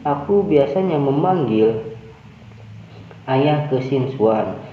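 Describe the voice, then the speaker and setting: A man's voice: medium pitch, expressive, takes it slowly, slight background noise. A man voicing a cold vengeful young cultivator. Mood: bitter. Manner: contemptuous, threatening. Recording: roomy, dull lo-fi.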